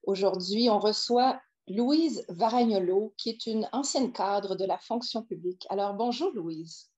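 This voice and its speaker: A woman's voice: medium pitch, unhurried, a little mellow, muffled recording. A woman hosting a podcast interview, welcoming her guest with a few fillers. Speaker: podcast host. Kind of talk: interview host.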